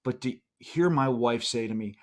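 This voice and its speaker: A man's voice: medium pitch, normal speed. Rambling self-deprecating Pittsburgh man. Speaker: podcast co-host. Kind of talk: casual podcast chat.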